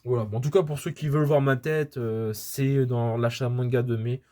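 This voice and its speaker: A man's voice: mid-range voice, steady tone, normal speed, warm tone. Rambling, hesitant man showing his manga. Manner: rambling, hesitant, many fillers and restarts. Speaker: manga collector vlogger. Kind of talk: casual haul video chat. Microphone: camera filming books, speaker off-frame.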